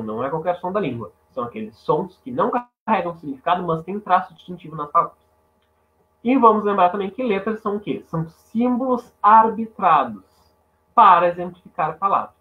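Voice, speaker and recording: Male teacher, fairly high voice, lively rhetorical lecturing, tinny phone-like sound. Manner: animated, asks the class rhetorical questions. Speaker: Portuguese teacher. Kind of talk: online class lecture. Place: home, online class.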